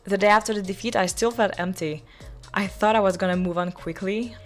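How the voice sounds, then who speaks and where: A woman from France, a football fan, recalling a defeat in a quiet, wistful way. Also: mid-range voice, steady tone, brisk, soft background music. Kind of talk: recorded testimony.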